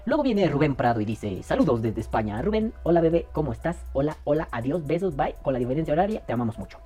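A man's voice: on the high side, very animated, fast talker, warm tone, faint music behind. A man with a Mexican accent hosting a podcast, with crude, joking, slang-filled banter and a voice kept down. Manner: keeping his voice down. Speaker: podcast host. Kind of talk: casual podcast chat.

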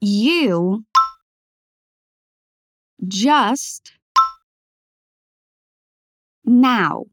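Professora brasileira lenta e clara. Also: female voice, on the high side, dry recording, clean studio sound. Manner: slow, careful over-articulated model phrases. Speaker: English teacher. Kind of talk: language lesson, repeat-after-me drills.

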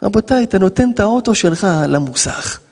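Man, rabbi, animated sermon, acts out dialogues, wide swings in pitch, high voice. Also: creaky, slightly rough, big-room sound. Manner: dramatic, joking, acts out dialogues. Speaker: rabbi giving a lesson. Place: yeshiva lesson hall.

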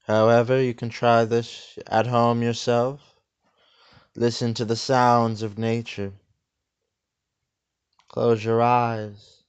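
A man speaks in a slow, hushed, soothing way, keeping a flat deadpan calm throughout. His voice sits a little low and sounds smooth and resonant. The recording is slightly dull and lo-fi. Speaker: host of a parody meditation video. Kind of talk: deadpan parody of a guided meditation.

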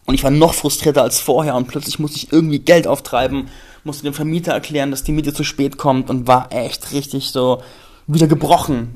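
A man, telling a personal story as a podcast host, candid and emphatic, swearing freely. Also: medium pitch.

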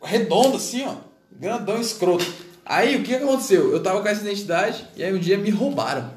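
A man's voice: sits high, animated, fairly quick. A Brazilian man chatting casually as a podcast host, telling comic stories in jokey, sweary slang. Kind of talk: casual chat, comic storytelling. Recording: roomy, loud background noise with clicks.

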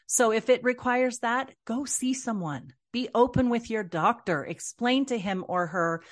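A woman's voice: on the high side, measured pace. A woman in her forties talking frankly to listeners about single motherhood, in an earnest, confiding manner. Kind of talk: personal advice talk.

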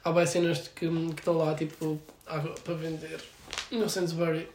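A man's voice: fairly high pitch, completely flat delivery, moderate pace, darkish tone, reverberant, a little hiss or hum. A young man with a European Portuguese accent chatting casually in a rambling, slangy way full of filler words. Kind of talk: casual chat.

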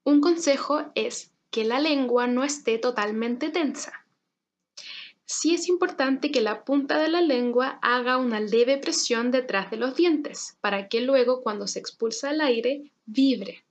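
A young Chilean woman with a Chilean Spanish accent, teaching Spanish pronunciation and slowly repeating example words. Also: high voice, dull audio. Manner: slow, carefully articulated repetition of words. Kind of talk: pronunciation lesson.

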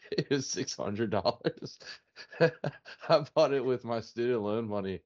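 A man's voice: medium pitch, expressive, takes it slowly, a little mellow. A man, co-hosting a casual podcast, laughing and self-mocking as he talks. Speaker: podcast co-host. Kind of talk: casual chat. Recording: dull lo-fi podcast mic.

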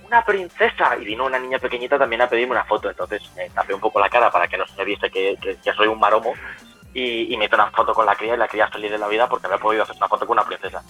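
Fast-talking bright man. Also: lowish voice, fairly even intonation, breathy edge, faint music behind, poor audio. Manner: chatty, many restarts and self-corrections. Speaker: guest cosplayer. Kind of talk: casual storytelling.

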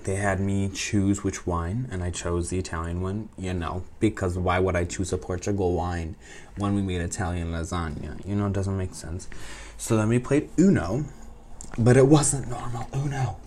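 A man chatting casually to the audience, telling an animated story and laughing often. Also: low voice, normal speed, a little hiss or hum. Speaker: vlogger recounting a trip.

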